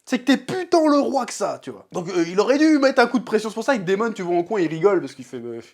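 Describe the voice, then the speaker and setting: A young man with a high-pitched voice talks through a TV episode in a loose, slangy way. He is animated and keeps slipping into quick acted voices to replay the scenes. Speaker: TV series reviewer. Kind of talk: casual episode review.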